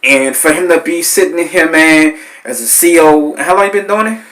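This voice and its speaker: A man, hosting a podcast and telling stories in a loose, animated way, cursing and acting out voices. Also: on the high side, normal speed, rough recording. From New Orleans, Louisiana. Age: 30s. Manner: animated, swearing, acts out voices in his stories. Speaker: podcast host. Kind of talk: casual storytelling.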